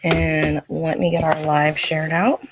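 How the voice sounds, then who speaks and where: Chatting with her livestream viewers while reading oracle cards, this woman speaks slowly in a low, level voice. She sounds casual and reflective, though her throat is scratchy and needs clearing.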